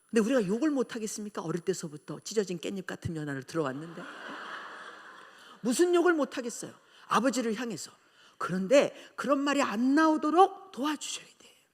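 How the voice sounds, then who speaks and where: A Korean-born woman pastor preaching a revival sermon, telling her family story in an animated way and acting out the quarrels in it. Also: fairly high pitch, husky. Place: church sanctuary. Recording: long church hall reverb.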